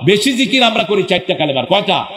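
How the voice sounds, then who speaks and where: A man's voice: high voice, sing-song, fast talker, pushed and bright. A man preaching a sermon to a crowd. He asks the crowd questions, answers them himself, and sometimes breaks into chanted phrases. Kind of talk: Islamic sermon at a public gathering. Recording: echoey hall with long reverb.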